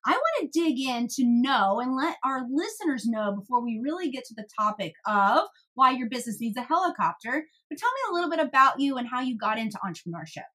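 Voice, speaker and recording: A woman's voice: sits high, expressive, fast talker, hardly any pauses, pushed and bright. A woman from the United States hosting a business podcast, chatty and upbeat, with frequent laughter. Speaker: podcast host. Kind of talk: casual podcast chat.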